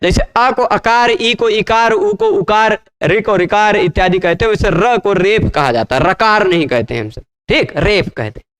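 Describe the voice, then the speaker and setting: A man teaching grammar in a slow classroom lecture, spelling out syllables and often checking that students follow. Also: high-pitched, fairly bright tone, a little hiss or hum. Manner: patient, repeats syllables and checks understanding often.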